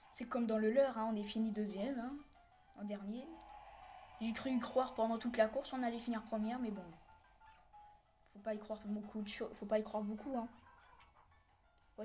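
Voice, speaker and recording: A young woman casually commentating her own pet game, cheering loudly at her virtual dog and swearing when she loses. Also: on the high side. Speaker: gaming vlogger.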